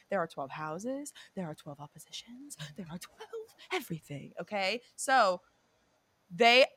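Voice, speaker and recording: A chatty young podcast co-host swears freely while casually discussing a reality show and astrology, tending to drift off and correct herself. Her voice is mid-range with a sharp tone.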